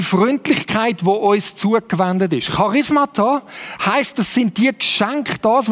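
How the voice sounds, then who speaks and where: A man with a Swiss German accent preaching a conversational sermon in a church hall, often asking the listeners rhetorical questions. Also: high voice. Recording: long hall reverb.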